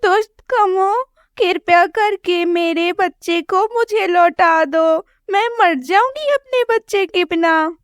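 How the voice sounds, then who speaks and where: A woman voicing a desperate cartoon mother sparrow who pleads loudly for her child. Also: sits high, moderate pace, few pauses, no echo, studio quality, pitched above the performer's own voice. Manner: sobbing, pleading.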